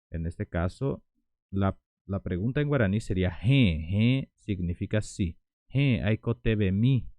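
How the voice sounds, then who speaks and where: Deep-voiced man teaching a language slowly. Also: warm tone, no room sound. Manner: slow, careful explanations with pauses and fillers. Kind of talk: screen-recorded language lesson.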